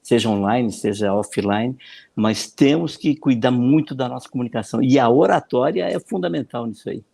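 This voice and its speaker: Brazilian guy on a podcast, talks a lot, repeats himself, acts out little quotes, mid-pitch voice. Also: moderate pace, vocal fry. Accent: Brazilian Portuguese. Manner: animated explaining, acts out quoted voices, frequent repetitions. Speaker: political consultant and speaking coach. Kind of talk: podcast interview answer.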